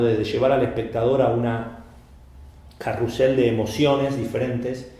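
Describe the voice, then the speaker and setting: Animated man in echoey room. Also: medium pitch. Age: middle-aged. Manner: animated storyteller, many fillers and repeats. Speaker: podcast co-host, magician. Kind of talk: casual explanatory chat.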